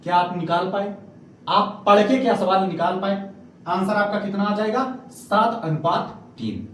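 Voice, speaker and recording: A man's voice: high-pitched, normal speed. A man teaching a maths lesson to a class, coaxing students to read the questions aloud and checking their answers. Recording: echoey room from far off, faint noise.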